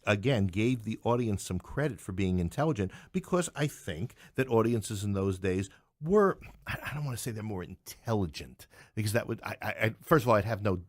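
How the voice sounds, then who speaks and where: Here the New York City podcast guest, a middle-aged playwright and English professor, has a low voice in an opinionated, conversational interview. The sound is dry and close, with no echo.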